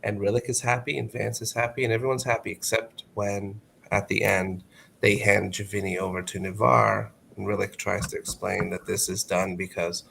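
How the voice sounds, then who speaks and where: A man's voice: lowish voice, flat delivery, normal speed, vocal fry, a bit bright, slight background noise. A man co-hosting a podcast, giving a laid-back, wry summary of an episode. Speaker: podcast co-host. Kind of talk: casual chat recapping a TV episode.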